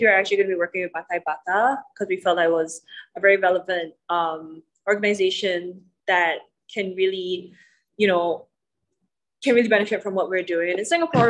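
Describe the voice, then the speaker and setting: A woman's voice: medium pitch, low-quality recording. Articulate young woman at a press panel. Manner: articulate, informative, with "you know" fillers. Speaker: singer at press conference. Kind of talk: press conference answer. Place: indoor press event, panel at a table. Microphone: handheld mic.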